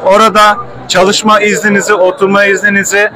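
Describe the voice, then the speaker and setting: A man delivering a fluent promotional pitch as a representative of a language school. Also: flat delivery, a little fast, noisy background. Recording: outdoor crowd and street sounds. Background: crowd, outdoors.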